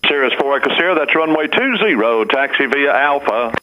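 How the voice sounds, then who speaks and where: A man's voice: mid-range voice, animated, a little fast. A man working as an air traffic controller, heard over an aircraft radio, giving clipped, formulaic radio instructions. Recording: dull radio audio with faint noise.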